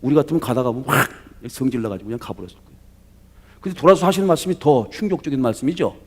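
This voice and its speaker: A male pastor giving a lively sermon, asking the congregation rhetorical questions and acting out voices from the story. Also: medium pitch, very fast, slightly rough.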